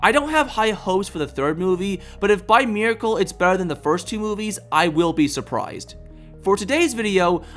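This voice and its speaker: A man's voice: sits high, fairly bright tone. A man hosting a video, delivering scripted review commentary.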